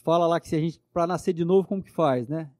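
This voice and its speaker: A man's voice: a little high, quick pace, darkish tone, no echo, studio quality. A man, a guest telling his own story with earnest fervor and frequent tag questions. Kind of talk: personal testimony in conversation.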